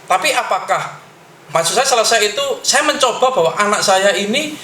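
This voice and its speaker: A middle-aged man, a parent, explaining advice in a conversational way with frequent pauses and fillers. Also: sits high, lively intonation, bright, forceful tone, a little hiss or hum. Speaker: parent guest sharing advice. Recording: echoey room.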